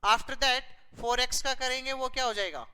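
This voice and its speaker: A woman's voice: high-pitched, normal speed, pushed and bright, clear, resonant tone, in a large hall, poor audio. A woman physics teacher working through a math problem step by step, asking and answering her own questions.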